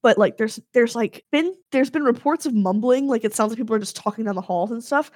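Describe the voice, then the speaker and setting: A woman's voice: fairly high pitch, fairly quick, dry recording, clean studio sound. A young woman co-hosting a podcast, telling a ghost story in casual chat with lots of fillers and emphatic asides. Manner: animated storyteller, heavy filler words, emphatic.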